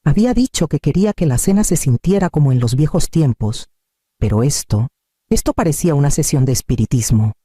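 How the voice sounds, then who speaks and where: A man reading a scripted first-person family drama in a calm, measured storytelling manner. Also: on the high side, breathy edge, no room sound, clean studio sound. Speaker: narrator.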